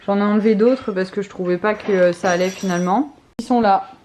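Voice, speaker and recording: A woman's voice: medium pitch, brisk, darkish tone, slight background noise. A young adult woman chatting casually in a family vlog at home, with lots of fillers and an exasperated tone. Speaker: family vlogger. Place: home, kitchen.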